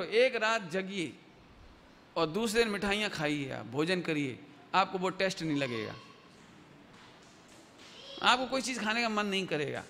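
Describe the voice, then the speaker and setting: High, bright-voiced man preaching. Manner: explains with everyday examples, quizzes the audience. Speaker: Jain preacher. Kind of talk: religious discourse. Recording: hall reverb, faint noise.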